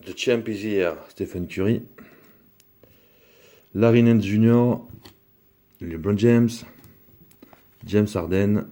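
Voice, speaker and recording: A man with a low, mellow voice talks through opening a box of trading cards. His delivery is chatty and rambling, full of fillers and small asides. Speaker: card collector opening a box. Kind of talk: casual unboxing commentary.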